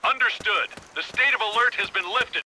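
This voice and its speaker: Clipped high-pitched soldier on field telephone. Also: male voice, moderate pace, sharp tone, slight background noise, low-quality recording. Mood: brisk, commanding. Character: male enemy soldier at headquarters, clipped and commanding. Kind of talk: military radio dispatch.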